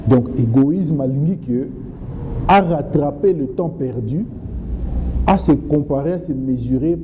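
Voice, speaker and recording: A man answering interview questions in a measured, halting way with frequent restarts. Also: mid-range voice, mellow, slight background noise. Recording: muffled reverberant studio sound.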